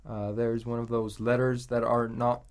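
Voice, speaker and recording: A man's voice: medium pitch, little pitch movement, drawn-out words, smooth. A man teaching Quran recitation, patiently explaining pronunciation letter by letter and reciting verses aloud for repetition.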